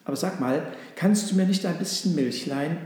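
A man doing a flattering village woman from a storybook who wheedles for favours. It sounds in a very echoey room with a long reverb. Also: on the high side, a little fast, natural voice. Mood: wheedling.

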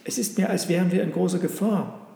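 A man's voice: high-pitched, fairly quick, creaky, warm tone. A man voicing a worried but determined young mother in a storybook reading, speaking anxiously yet firmly. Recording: roomy with long reverb.

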